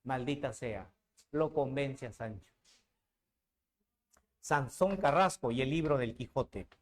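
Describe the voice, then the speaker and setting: A man's voice: mid-range voice, lively intonation, takes it slowly. A man, teaching literature as a dramatic storyteller who talks straight to the student. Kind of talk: animated lecture.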